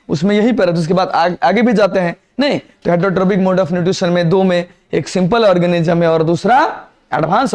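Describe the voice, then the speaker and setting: A man with a high-pitched voice lectures a biology class in a classroom. He keeps throwing questions at the students and answering them himself, switching freely between Hindi and English terms. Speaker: biology teacher.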